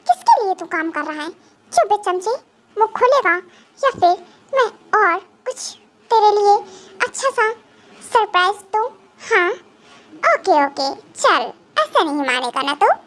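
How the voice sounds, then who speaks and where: A woman's voice: very high-pitched, sing-song, measured pace, fairly bright tone, full character voice. A woman voicing a menacing young male psychopath gang boss in a fan dub drama, taunting and threatening.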